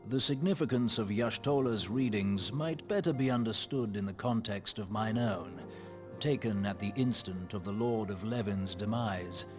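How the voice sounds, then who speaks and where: A man with a lowish voice speaks at a normal pace, acting only lightly as a solemn scholar in a fantasy game. His diction is grave, formal and archaic, his mood measured and serious, in theatrical game dialogue. Loud music plays beneath him.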